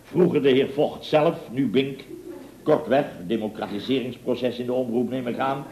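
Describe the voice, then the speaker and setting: A man's voice: medium pitch, moderate pace, warm tone, reverberant, lightly acted, low-quality recording. An actor playing a pompous, boastful middle-aged contractor boss in a 1960s radio comedy, rambling through his stories. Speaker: boss of a building firm.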